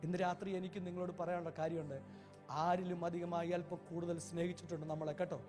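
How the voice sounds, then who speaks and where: High-voiced fervent evangelist preacher. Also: male voice, level tone, quick pace, music in the background. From Kerala, India. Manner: fervent, storytelling preacher, swells to loud cries. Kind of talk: sermon.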